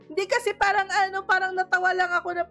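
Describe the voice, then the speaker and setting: A woman's voice: extremely high pitch, creaky, a bit bright. A Filipino woman in her thirties, a streamer and mother, chatting casually on a live stream and telling stories with lots of laughter. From Philippines. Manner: chatty storytelling, mixing in English, laughing often.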